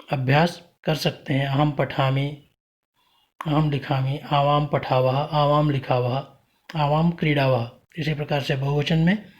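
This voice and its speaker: A man's voice: a little high, darkish tone. A man teaching a Sanskrit grammar lesson, reciting word forms one by one and explaining what each means. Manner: slow, deliberate recitation of word forms, each followed by its meaning.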